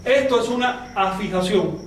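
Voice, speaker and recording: A man with a fairly high voice teaches a class, explaining slowly and firing questions at his students. He is heard from a distance in a very echoey room. Faint noise sits behind him. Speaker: language teacher. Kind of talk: classroom lesson.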